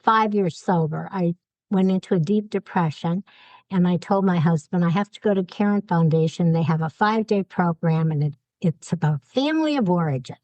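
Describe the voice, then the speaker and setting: A woman guest tells her own story with lively, candid energy and acts out each voice she quotes. Her voice sits a little low, and the sound is close and dry with no room echo. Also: moderate pace, lo-fi sound. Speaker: podcast guest.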